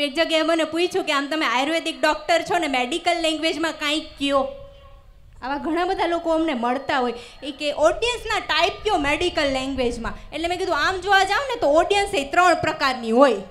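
High-voiced woman doing stand-up comedy. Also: brisk, fairly bright tone. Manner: storytelling with acted-out dialogue and punchlines. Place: stage before a live audience. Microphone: stage microphone.

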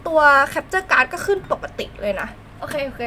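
A young woman with a Northern Thai accent chatting casually with viewers during a live game stream, animated and full of fillers and restarts. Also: sits high, normal speed, a little hiss or hum.

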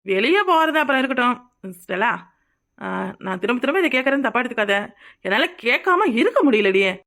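A woman voicing a cartoon role, talking in a gentle, coaxing, consoling way. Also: high voice, sing-song, brisk. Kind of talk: cartoon voice acting.

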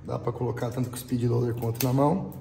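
Fast and level in tone, this middle-aged airsoft shop reviewer with a Brazilian accent has a gravelly mid-range voice that is also thin, cracked and reedy. He explains a product casually, frequently using tag questions, in an indoor shop and small range room whose sound carries roomy echo and faint background noise.

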